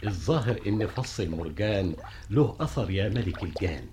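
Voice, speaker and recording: A man's voice: low-pitched, expressive, fairly quick. A man voicing an old jinn servant in an Egyptian radio play, chuckling and deferential, with an Egyptian accent. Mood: indulgent. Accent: Egyptian Arabic. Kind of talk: 1960s Egyptian radio drama acting. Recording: noisy old radio recording.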